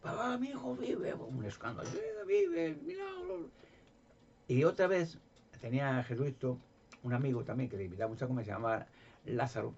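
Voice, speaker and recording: Spanish guy preaching off the cuff, rough gravelly voice, lots of stumbles, low-fi muffled recording. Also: darkish tone, a little hiss or hum. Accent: Spain Spanish. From Spain. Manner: rambling, many restarts, acts out quoted voices. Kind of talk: informal preaching monologue.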